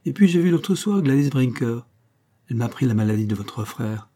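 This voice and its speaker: A man's voice: mid-range voice, animated, a little fast, dark tone, lightly acted. A man reading a tense woman visitor who hides her worry, speaking in a hesitant, careful, stiff way in an audiobook. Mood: guarded.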